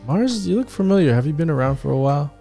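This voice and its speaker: A man co-hosts a home stream with a gravelly, fry-heavy voice and a laid-back, dry manner. Faint music sits beneath his talk. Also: on the high side, animated, quick pace, warm tone. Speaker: livestream co-host. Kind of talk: casual livestream chat. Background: faint background music.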